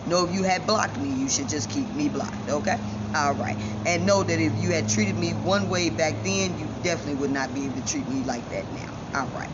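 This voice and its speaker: A vlogger from Chicago, United States, delivers a defiant, self-assured personal monologue straight to her viewers, her speech shaped by missing front teeth. Her voice is deep and a little fast, and the lo-fi recording sounds dull with loud ambient noise.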